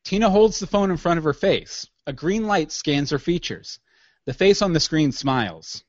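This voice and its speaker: A man's voice: fairly high pitch, lively intonation, normal speed, dry recording, lo-fi sound. A man narrating scene directions in a matter-of-fact way for an audio drama.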